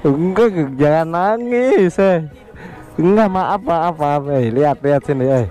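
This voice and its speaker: Young man, playful vlogger, slightly high voice, unhurried delivery. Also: animated, dark tone, faint music behind. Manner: playful, teasing, laughs a lot. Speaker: vlogger pranking his girlfriend. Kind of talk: casual prank vlog.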